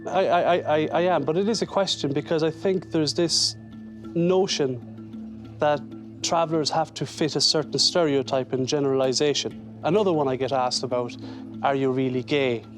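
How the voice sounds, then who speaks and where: A man in his thirties with an Irish accent, talking in a measured, slightly hesitant way in an unscripted interview. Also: on the high side, soft background music. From Galway, Ireland. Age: 30s. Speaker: dinner guest.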